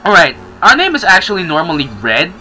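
An excitable young man talking through a game he is playing. His voice is bright and lively, jumping around in pitch as he reacts. Soft music plays in the background. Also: brisk, poor audio. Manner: excitable, chatty. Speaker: gaming channel host. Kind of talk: casual let's-play commentary.

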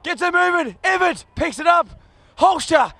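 A man calling a football match live, rattling off players in clipped bursts and shouting at big moments. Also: extremely high pitch, expressive, normal speed, no room sound. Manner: clipped bursts of names and actions. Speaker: football commentator. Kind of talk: live play-by-play commentary. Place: commentary box at an outdoor ground.

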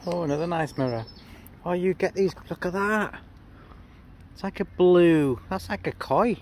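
A man's voice: high-pitched, normal speed, a little mellow. A man vlogging casually outdoors at a fishing competition, encouraging and congratulating the others. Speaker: angler filming a fishing competition. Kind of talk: casual outdoor vlog chat. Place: outdoors beside a fishing lake. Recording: outdoors with light background noise.

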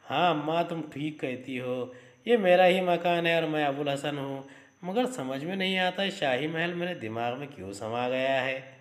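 A man's voice: a little high, moderate pace, close to an everyday voice. Brief: young man convinced he is the caliph, haughty and commanding, heard in a roomy echo; a man reads him. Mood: bewildered. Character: deluded young man who believes he is the caliph, imperious.

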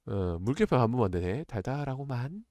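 Animated man streaming, blunt and excitable. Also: medium pitch, a little fast, dry recording. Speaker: live streamer. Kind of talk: casual livestream chat with viewers.

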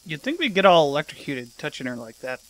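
A man giving sarcastic, deadpan commentary over a video game. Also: a little high, fast. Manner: dry, joking, deadpan. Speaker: let's play commentator. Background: game audio.

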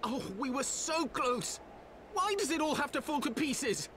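A man's voice: extremely high pitch, expressive, slow, sharp tone, a little hiss or hum, heavily acted. An actor playing a distraught young nobleman in a game cutscene, pleading theatrically. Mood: despairing. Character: distraught young nobleman, high-strung and self-pitying.

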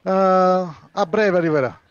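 A man roleplaying a casino owner, pitching a partnership politely and with some hesitation. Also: slow, no room sound. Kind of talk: in-character roleplay chat. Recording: dull lo-fi mic.

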